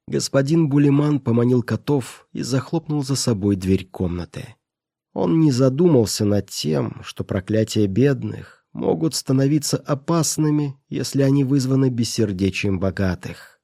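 A man narrating a classic story at a steady, measured pace. His voice is dark and warm, with a dry, close sound and no room around it. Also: mid-range voice, vocal fry, no room sound. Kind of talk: reading a classic story aloud.

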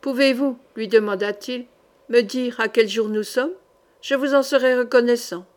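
A woman's voice: a little high, fairly even intonation, moderate pace, lightly acted. A woman reader voicing an exhausted, starving knight who stays courteous as he speaks faintly and strainedly. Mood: polite.

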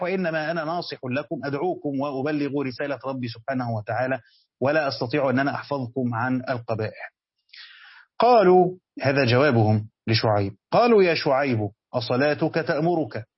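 A man's voice: mid-range voice, slightly rough, no echo, lo-fi sound. A man with an Egyptian Arabic accent teaching a Quran commentary lesson. He asks his students questions and then answers them himself. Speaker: religious teacher.

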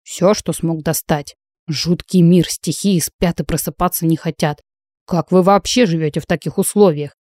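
A woman's voice: on the low side, fairly even intonation, moderate pace, dark tone, dry recording, studio quality, natural voice. A woman voicing a grumbling, grumpy dwarf mage. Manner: grumbling, complaining. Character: grumpy bald male dwarf mage, gruff.

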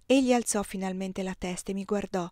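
A woman reading a first-person novel aloud as an audiobook, measured and steady. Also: mid-range voice, no echo, clean studio sound. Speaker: audiobook reader.

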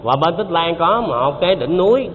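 Heard on a dull, faintly noisy lo-fi hall recording, a Buddhist teacher gives a dharma talk at normal speed. His voice is fairly high and animated, and he talks conversationally, repeating himself and quizzing the audience.

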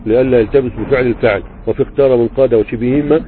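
A man's voice: mid-range voice, racing, slight background noise. A man with an Egyptian Arabic accent giving a grammar lesson online. He reads a text aloud, explains it conversationally and keeps checking that his students follow. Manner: conversational, checks understanding often. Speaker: religious teacher explaining grammar. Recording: tinny phone-like audio.

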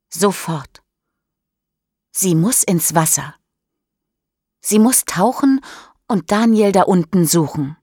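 A woman narrating a graded-reader audiobook in a slow, clear, measured way, close to a studio microphone. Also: on the low side, darkish tone, no echo.

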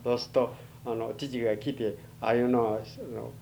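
An elderly man from Japan with a western Japanese Chugoku accent, reminiscing in a halting, plain-spoken way in an oral history interview. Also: medium pitch, flat delivery, vocal fry, warm tone. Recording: noisy archival tape with hum.

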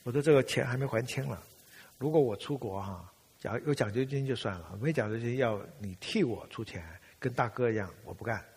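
A man, telling a personal story in a church talk and acting out family dialogue with a husky voice. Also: mid-range voice, brisk, a little mellow, slight background noise. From Taiwan. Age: 70s. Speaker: speaker giving a testimony. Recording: long reverb of a large hall.

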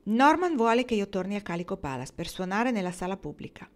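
A woman's voice: mid-range voice, sing-song, brisk, lightly acted. A woman reading as a strong-willed young pianist. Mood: wistful. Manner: pleading, sharp outbursts.

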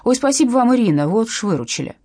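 A woman's voice: fairly high pitch, big pitch swings, quick pace, no echo, clean studio sound, voice pushed up. Woman voicing a flustered young man. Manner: breathless, loud. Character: flustered grateful young man chasing his dog.

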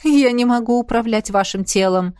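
A woman's voice: fairly high pitch, moderate pace, darkish tone, smooth, dry recording, clean studio sound, close to an everyday voice. A woman voicing a proud, ghostly fairy queen in an audiobook, speaking in a commanding way. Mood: explaining.

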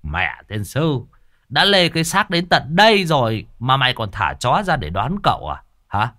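A man's voice: medium pitch, sing-song, normal speed, sharp tone. A man voicing a scruffy, crude middle-aged exorcist who curses and grumbles. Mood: grumbling. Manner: gruff, cursing, grumbling.

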